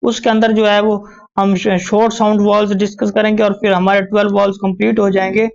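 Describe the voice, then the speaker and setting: A woman teaching a shorthand lecture, explaining slowly with many repeats and fillers. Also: medium pitch, flat delivery, creaky, a little mellow. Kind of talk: recorded lecture. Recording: dull lo-fi recording.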